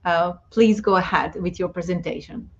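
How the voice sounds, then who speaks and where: A woman moderating an online conference, praising speakers warmly with many fillers, over a video call. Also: on the low side, moderate pace. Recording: dull lo-fi video call audio.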